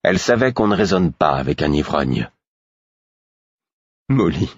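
A man narrates an audiobook in the first person with slow, expressive delivery. His voice is deep and husky, and his pitch moves a lot. The recording is dry and slightly dull. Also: no room sound. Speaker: audiobook reader.

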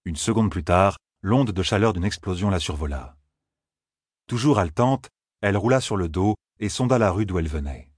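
Male audiobook narrator, deep grainy voice, measured delivery, dry close recording. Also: breathy edge, no room sound. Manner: steady, measured storytelling. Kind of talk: scripted narration.

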